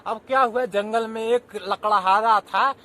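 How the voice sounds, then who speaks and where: Man telling a religious story, repeats lines a lot, really high bright voice. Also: steady tone, unhurried, slight background noise. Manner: repeats phrases, addresses listeners as "Maharaj". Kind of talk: devotional story narration.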